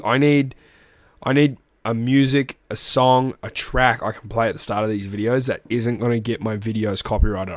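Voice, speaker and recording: With a medium-pitched voice recorded dry, an Australian rugby league podcast host rambles through a casual recap. He's got a cold, so he sounds phlegmy and coughs occasionally. He chats loosely, restarting sentences and wandering into asides.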